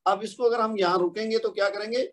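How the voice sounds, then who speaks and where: A man with a fairly high voice teaches a recorded online lesson. He explains patiently, one step at a time, and often asks the learner a question before answering it. Each example word is drawn out slowly and clearly. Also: steady tone. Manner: slows down to draw out example words. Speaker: Quran recitation teacher.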